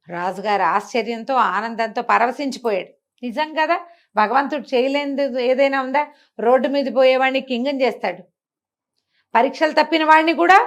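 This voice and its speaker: With a fairly high, slightly bright voice, a woman tells a moral folk tale aloud in animated oral storytelling. She explains things conversationally, acts out dialogue, and poses rhetorical questions.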